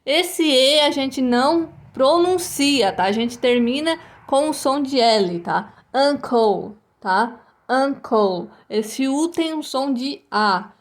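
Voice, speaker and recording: A woman's voice: sits high, slow, hardly any pauses. A Brazilian woman teaching English to young children, patiently repeating each word and ending almost every phrase with a checking "tá?" or "né?". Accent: Brazilian Portuguese. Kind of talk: recorded online English lesson for first graders.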